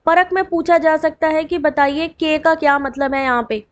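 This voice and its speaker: A woman teaching an exam revision lesson online, reading out full forms slowly with quick chatty asides to her students and a dry throat. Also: high-pitched, steady tone, highs cut off.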